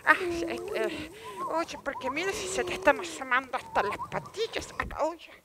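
A woman's voice: very high voice, lively intonation, normal speed, very noisy. An actress with a Chilean accent playing an elderly woman who dotes on her houseplants, stammering and chatting back to them on stage. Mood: rambling. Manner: endearments, stammering restarts, talks back to unseen plants. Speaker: stage actor. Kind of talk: theatre monologue. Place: theatre stage.

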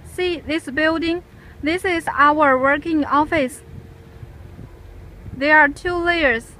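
High-voiced woman giving a slow factory tour. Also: bright, forceful tone, low-quality recording. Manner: simple, halting phrasing with pauses. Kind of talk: casual guided tour narration. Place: large factory workshops and yard.

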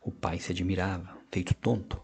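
A man narrating an audiobook of short stories in a measured, expressive reading with hushed passages. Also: low voice, gravelly, husky. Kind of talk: scripted narration.

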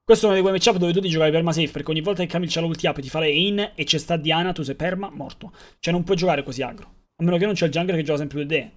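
Young streamer, high voice, casual joking banter with chat, loose and profane. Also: male voice, racing. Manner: rambling, joking, swearing, talks to chat. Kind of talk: live gaming stream chat.

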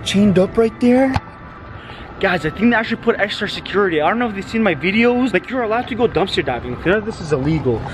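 A young man hosting a vlog in casual, excitable, slangy talk, repeating his catchphrases to the camera. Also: sits high, fast, noisy background. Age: young adult. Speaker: vlog host. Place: inside a car at night and outdoors by it. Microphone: handheld camera at arm's length. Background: background music.

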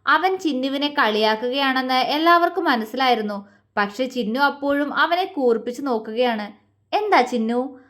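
A woman narrating a romantic family story, expressively voicing the characters' lines. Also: normal speed. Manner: expressive, shifts pitch for quoted characters.

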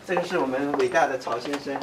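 A man's voice: mid-range voice, fast talker. Man greeting visitors, distant noisy audio. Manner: welcoming, with many fillers. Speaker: host guiding visitors. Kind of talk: casual guided tour. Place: indoor office building.

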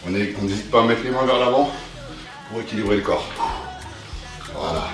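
This young adult fitness coach works out as he leads the session, firing off brief, encouraging instructions in a lowish, expressive voice at a fairly quick pace. He's indoors in a living room. Clear music sits in the background, and the distant mic picks up a lot of room echo.

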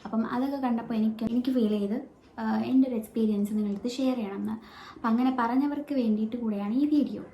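Fast-talking Malayali woman in an echoey room. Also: fairly high pitch, steady tone, mellow. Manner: chatty, explains with many fillers and restarts. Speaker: vlogger. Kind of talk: casual personal story vlog. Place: at home with her baby nearby. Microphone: no microphone, phone or camera mic. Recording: echoey room, faint background noise.

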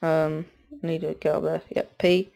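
A teenage boy with a stuffy cold rambles through laid-back gameplay commentary, often cutting himself off mid-sentence and sounding distracted. His voice sits fairly high with little pitch movement, and he talks a little slowly, with a creaky, slightly mellow quality.

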